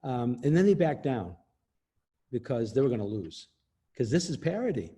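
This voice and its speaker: A man's voice: mid-range voice, very animated, moderate pace, dark tone, husky. A man speaking as an interview guest, explaining copyright law in an emphatic way and laughing often. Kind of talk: explanatory casual talk.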